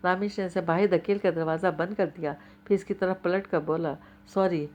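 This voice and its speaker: A woman narrating a novel in a steady, even storytelling manner. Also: lowish voice, slight background noise.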